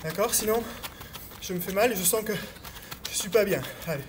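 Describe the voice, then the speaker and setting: A man's voice: sits high, a little fast. A man coaching a cardio workout while doing it himself. He hesitates with many fillers, counts beats aloud, urges more speed and sounds a little out of breath. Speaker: fitness coach. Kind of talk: workout instruction while exercising. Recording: noisy recording with clicks.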